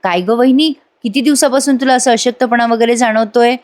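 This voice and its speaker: Young male doctor, calm and probing, a woman reading his lines. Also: a little high, a little fast, close to an everyday voice.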